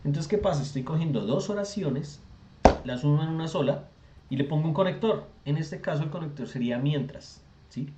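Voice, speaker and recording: A man's voice: a little high, brisk, heavy background noise. A man teaching an online English class, explaining grammar step by step and checking often that students follow. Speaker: English tutor. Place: virtual classroom session. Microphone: video call. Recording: echoey lo-fi video call audio.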